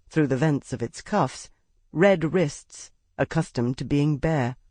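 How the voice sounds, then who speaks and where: A woman audiobook narrator reading a classic novel in a measured, expressive storytelling manner on a close studio mic. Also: deep voice, no echo. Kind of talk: scripted literary narration.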